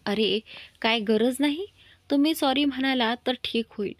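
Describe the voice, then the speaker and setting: Woman reading as a bold, sharp-tongued young woman. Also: high-pitched, normal speed, no echo, studio quality, natural voice. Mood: defiant.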